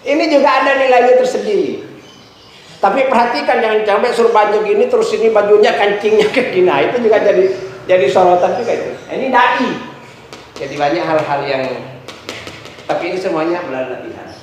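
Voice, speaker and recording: A middle-aged man, teaching preaching in a casual, joking lecture and acting out examples with his voice. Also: fairly quick. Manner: chatty, joking, acts out examples with shifting pitch. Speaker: ustadz teaching a class on preaching. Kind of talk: casual lecture with jokes and asides. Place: large echoey hall. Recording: very echoey room recording, faint noise.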